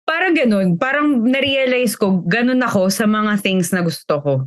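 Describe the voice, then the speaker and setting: A woman's voice: medium pitch, moderate pace, no room sound. A young woman co-hosting a podcast, telling a story in casual chat, mixing Tagalog and English and laughing as she goes. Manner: animated, laughs while telling stories, mixes Tagalog and English. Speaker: podcast co-host.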